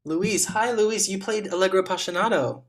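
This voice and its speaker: A man serving as a competition juror, giving gentle, encouraging spoken feedback to young players over a video call, with frequent ums. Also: sits high, normal speed.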